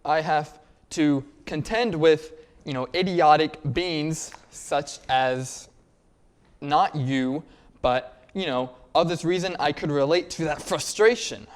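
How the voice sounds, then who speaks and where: A man's voice: a little high, takes it slowly. A man playing a pompous, indignant alien soldier in a comedy interview, stilted and condescending toward humans. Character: pompous, indignant male alien soldier disdaining Earth people. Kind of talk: comedy sketch interview in character.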